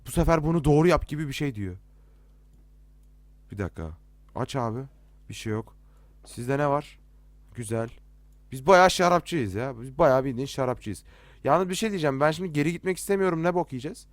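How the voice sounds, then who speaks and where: A man's voice: a little high, lively intonation, brisk, pauses often, dry recording. A young man commenting as he plays a horror game, nervous and jittery, joking and swearing at every scare. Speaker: let's play gamer.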